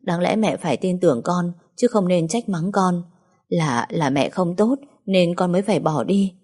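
A woman reading the lines of a tearful, doting older mother-in-law in a story, slow and choked. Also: fairly low pitch, darkish tone, natural voice.

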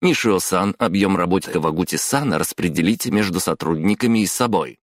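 A man's voice: sits low, expressive, brisk, no room sound, clean studio sound, pitched above the performer's own voice. A man reading a story, voicing a cold, stern female senior manager who speaks in a commanding tone.

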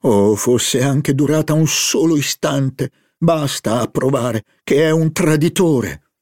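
A man's voice: fairly low pitch, unhurried, darkish tone, slightly rough, no room sound, clean studio sound. A man reading an audiobook, voicing a touchy young musician who exclaims earnestly and sounds wounded.

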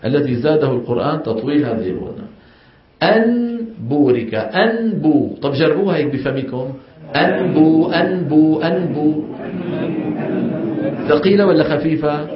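A man's voice: on the high side, slight background noise. A middle-aged man teaches Quran recitation, explaining step by step, questioning the class and modeling the sounds. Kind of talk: classroom lesson. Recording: echoey room, dull sound.

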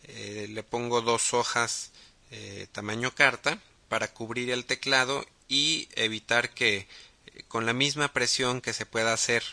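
A man with a Mexican accent hosting a casual podcast, talking haltingly with many fillers and restarts. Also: mid-range voice, fairly even intonation, gravelly, pushed and bright. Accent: Mexican Spanish. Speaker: podcast host.

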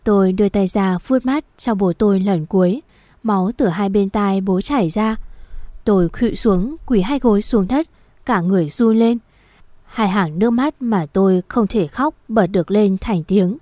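A woman reading a first-person story aloud in a steady, somber storytelling manner. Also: mid-range voice, moderate pace, no echo. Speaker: narrator.

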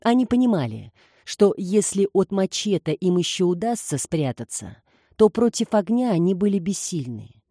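A woman narrating a novel aloud in a steady, measured reading. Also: fairly low pitch, no echo, clean studio sound. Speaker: audiobook narrator. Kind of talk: scripted narration.

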